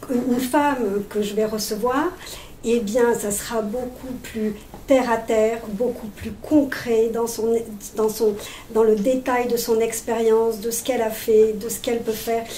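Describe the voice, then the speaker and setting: A woman's voice: a little high, fairly even intonation, a little slow, dark tone. A woman on a discussion panel, speaking emphatically and laughing often about her work recruiting. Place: conference room. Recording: echoey room, distant mic, faint noise.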